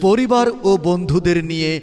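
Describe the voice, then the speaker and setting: A man gives an upbeat, inviting promotional announcement over a loudspeaker. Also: fairly quick, long reverb tail. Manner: upbeat inviting sales pitch. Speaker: advertisement announcer.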